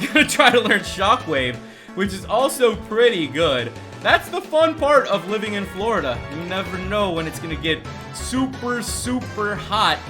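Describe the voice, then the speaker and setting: A young man from El Salvador giving upbeat, chatty gameplay commentary, talking straight to his viewers. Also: high-pitched. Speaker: let's play host. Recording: music playing behind the voice.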